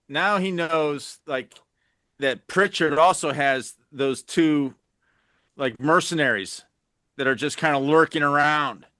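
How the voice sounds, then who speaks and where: A man's voice: on the high side, slow pace, dry recording. A man co-hosting a podcast, walking through a movie plot step by step and often saying "you know". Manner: steady plot summarizing, frequent "you know". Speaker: podcast co-host. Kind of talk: casual film discussion.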